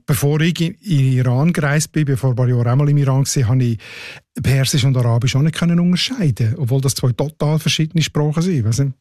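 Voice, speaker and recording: A man with a Swiss German accent and a fairly high, darkish voice co-hosts a radio show as a language expert, explaining language matters. He often ends sentences with the questioning tag "oder?". The studio-quality recording has no echo.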